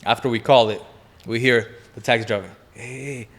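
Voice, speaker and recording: Speaking briskly at a medium pitch, a man in his twenties appears as a podcast guest and spins a wild yarn in relaxed chat. He's energetic and profane and keeps laughing as he tells it.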